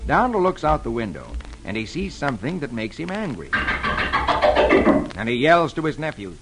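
A man hosting an old radio show, reading comics aloud in a lively, animated storytelling manner, in a noisy old broadcast recording. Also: mid-range voice, moderate pace, loud music behind the voice.

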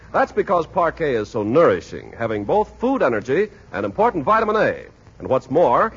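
A man's voice: a little high, slightly rough. A man working as announcer, reading scripted sponsor copy and narration in 1940s radio style. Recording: dull vintage radio recording.

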